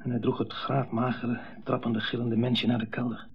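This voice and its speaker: The dull sound of a 1970s radio broadcast carries a brooding, intense monologue by an actor portraying a bitter son dominated by his mother. His voice is mid-range, gravelly and husky, natural in quality, level in tone, and at a normal speed.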